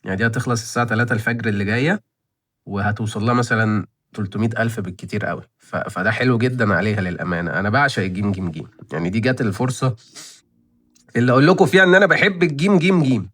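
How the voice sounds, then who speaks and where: A man's voice: fairly low pitch, racing, fairly bright tone. A man in his twenties with an Egyptian accent, hosting his own channel and chatting casually to viewers. He rambles and thinks aloud, often repeating himself. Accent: Egyptian Arabic. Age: 20s. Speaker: channel host reviewing license plate auctions.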